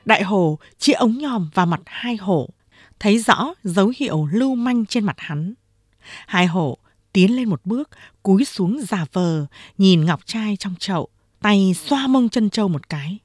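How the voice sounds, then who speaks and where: A woman narrating a story aloud in an expressive reading voice. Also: mid-range voice, a little slow, no room sound, studio quality.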